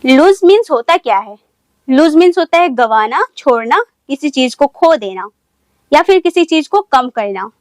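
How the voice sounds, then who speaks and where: A woman's voice: high-pitched, no echo. A young woman who teaches English in a video lesson and explains each word carefully.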